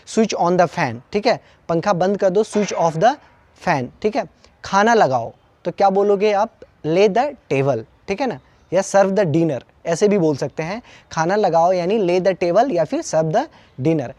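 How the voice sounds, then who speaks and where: An Indian man with an Indian accent teaching English phrases, mixing Hindi and English and saying each English example slowly and deliberately. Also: high voice, darkish tone, no room sound, muffled recording. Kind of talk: spoken English lesson.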